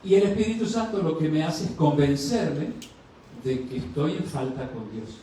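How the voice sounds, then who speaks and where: Pastor preaching in an echoey church. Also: male voice, fairly high pitch, lively intonation, moderate pace, dark tone, slight background noise. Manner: asks the congregation questions and answers them; acts out dialogues with rising voice. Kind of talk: sermon. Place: church sanctuary. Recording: distant mic in a very echoey church.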